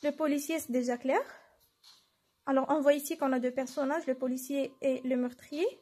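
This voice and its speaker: A woman's voice: high voice, steady tone, normal speed, warm tone. A woman teacher giving a lesson, explaining step by step and answering her own questions. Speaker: French teacher. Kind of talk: classroom lesson.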